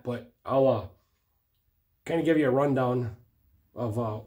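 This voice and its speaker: A hoarse man casually rambling about his motorcycle project in his garage, swearing freely. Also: mid-range voice, darkish tone. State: hoarse from a cough. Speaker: motorcycle racing vlogger. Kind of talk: casual chat. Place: home garage workshop.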